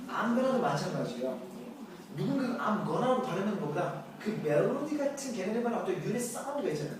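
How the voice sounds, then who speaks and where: A man from South Korea lecturing as an English instructor, with quick, chatty asides to his students. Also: sits high. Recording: echoey classroom, distant mic, room noise.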